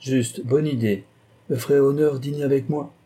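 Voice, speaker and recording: A rushed, self-important financier who fires off clipped telegraphic phrases, as voiced by a male audiobook reader. The voice is dark and slightly husky, the words cut short and brusque. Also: mid-range voice, fairly even intonation, pitched above the performer's own voice, natural voice.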